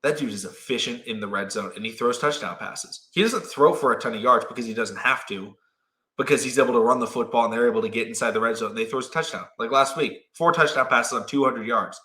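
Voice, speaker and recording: Brief: young male sports host, animated, quotes players in quick asides, bright tone. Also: mid-range voice. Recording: roomy echo.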